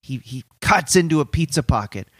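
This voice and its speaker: Man, podcast co-host, animated intonation, casual talk, dry sound. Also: fairly high pitch, a little fast, no room sound. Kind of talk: casual chat. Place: warehouse used for recording.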